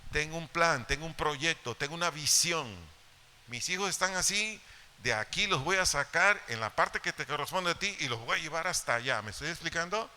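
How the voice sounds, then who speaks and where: A man's voice: a little high, lively intonation, moderate pace, bright, forceful tone, clear, resonant tone. A middle-aged man with a Mexican Spanish accent preaching a sermon to parents in a church, repeating key phrases and Bible references for emphasis. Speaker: pastor. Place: church hall.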